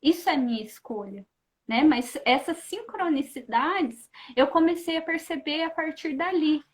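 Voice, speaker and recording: A woman's voice: high-pitched, measured pace. A woman, a guest in a casual chat, telling a personal story animatedly and often tagging her sentences with questions. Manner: animated, keeps adding questioning tags; acts out her own past thoughts in lively asides.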